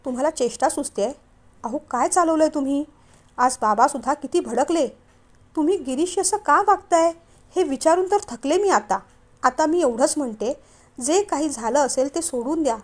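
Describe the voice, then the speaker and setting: A woman voicing a gentle young wife who earnestly pleads with her husband to make peace with his family. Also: sits high.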